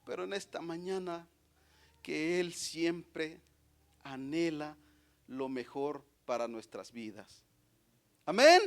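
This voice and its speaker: High-voiced, slow-preaching pastor. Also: male voice, expressive. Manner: preaching with sudden loud swells and soft drops, tag questions and amens. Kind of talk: Pentecostal sermon. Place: church.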